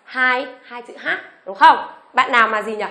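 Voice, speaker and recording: A woman teaching an online beginners' lesson, asking the class questions and reading each letter slowly for them to repeat. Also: on the high side, bright, forceful tone, roomy sound. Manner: asks the class rhetorical questions; reads letters aloud slowly for repetition. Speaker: English teacher.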